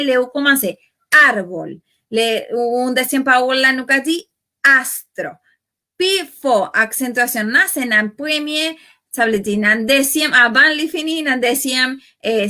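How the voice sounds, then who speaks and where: A woman with a Haitian accent teaching a language lesson, explaining slowly and repeating example words with their stressed syllables. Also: high-pitched, bright, forceful tone.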